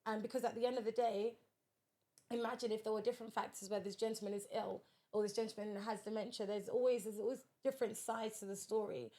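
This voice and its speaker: A woman's voice: a little high, steady tone, fast, dark tone. A woman, a podcast guest, telling a personal story in a direct, earnest way in casual conversation.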